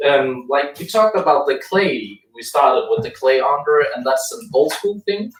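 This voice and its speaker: A man's voice: a little high, lively intonation, moderate pace, fairly bright tone, roomy sound, recorded from a distance, poor audio. A man with a Danish accent chatting casually and joking, full of likes and little laughs. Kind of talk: casual chat.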